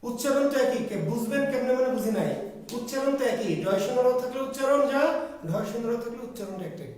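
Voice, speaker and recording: High-voiced male teacher in an echoey room. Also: fast talker, a little mellow. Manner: quizzes listeners with repeated questions and answers. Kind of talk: classroom grammar lesson. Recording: very echoey room, far from the mic.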